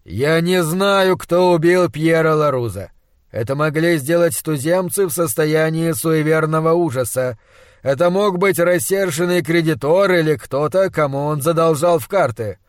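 A man voicing a stern, weary doctor who speaks slowly and gravely. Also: on the high side, no room sound, studio quality, lightly acted. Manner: slow, measured, grave.

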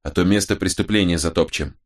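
A rough-spoken, blunt working man, as the male reader does him in an audiobook. The voice stays low and gruff, and the speech is coarse. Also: fast, close to an everyday voice.

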